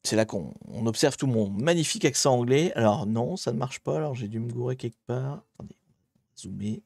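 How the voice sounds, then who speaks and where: A man streaming live, chatting with his viewers as he hunts through online maps and grumbles at the software. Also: medium pitch, lively intonation, fairly quick, vocal fry, slightly rough, no echo. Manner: chatty, talks to chat while searching maps, mildly exasperated. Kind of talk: live-streamed geography puzzle commentary.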